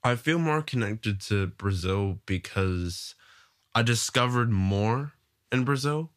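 A man's voice: fairly low pitch, lively intonation, slow pace, a bit bright. A young man chatting casually with his family, talking loosely with lots of fillers. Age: young adult. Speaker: adult son.

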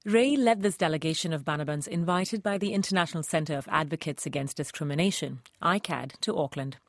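A woman host reading a scripted radio documentary narration in a calm, clearly paced way. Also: deep voice, a little fast, no echo, clean studio sound.

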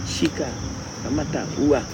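A man working as a live interpreter, relaying a witness's account in plain, halting speech. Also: medium pitch. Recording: noisy field recording, crickets and traffic.

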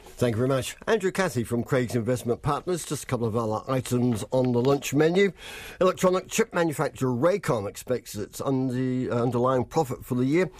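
A man's voice: mid-range voice, animated, brisk, darkish tone, no echo. A man with a New Zealand accent presenting a business news bulletin and putting questions to a market commentator.

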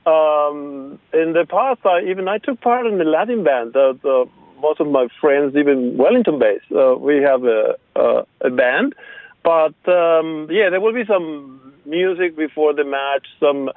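A man from Argentina with an Argentine Spanish accent, a guest on a radio interview, speaking haltingly with many fillers and restarts. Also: a little high, lively intonation, no room sound. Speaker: guest, local rugby supporter. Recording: phone line, dry.

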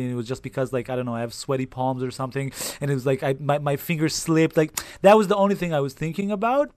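Brief: man from Israel, casual recollection, mid pitch, very dry close mic. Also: dry recording. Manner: chatty, many fillers like "like". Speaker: journalist.

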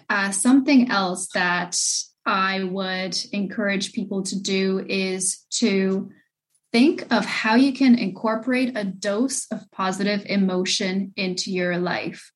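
Woman expert on a panel giving practical advice, earnest and encouraging, medium pitch. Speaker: expert panel guest, researcher. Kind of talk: explanatory advice to listeners.

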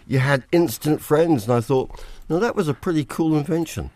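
A man's voice: a little high, normal speed, dry recording. A man in his sixties with a New Zealand accent, giving chatty business commentary on the radio and acting out quotes. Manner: animated, acts out quotes. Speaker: business reporter.

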